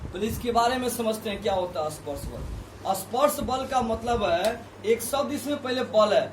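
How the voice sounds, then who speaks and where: Guy teaching physics to a class, keeps repeating stuff and asking questions, high voice, sounds kinda far off. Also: normal speed, slight background noise. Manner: repeats key terms, asks students questions. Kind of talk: classroom lesson. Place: classroom with students. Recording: echoey room, voice from a distance.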